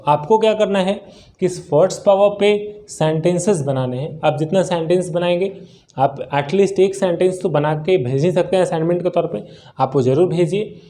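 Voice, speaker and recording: A man's voice: high voice, warm tone. Hindi-speaking man teaching English words. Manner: explains words slowly with many rhetorical questions. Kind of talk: spoken English lesson in Hindi.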